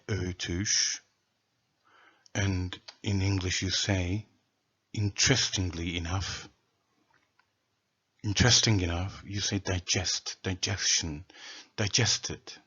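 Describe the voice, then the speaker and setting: Slow husky man. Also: deep voice, steady tone, fairly bright tone, dull audio. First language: Turkish. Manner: slow, deliberate, lists words one by one. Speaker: presenter of a language theory. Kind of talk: solo explanatory lecture.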